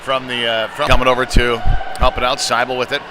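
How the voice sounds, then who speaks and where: You can clearly hear the arena behind this man as he calls a hockey game live. The former goaltender's voice is medium in pitch and a little fast, relaxed and conversational until big plays push him into excited calls.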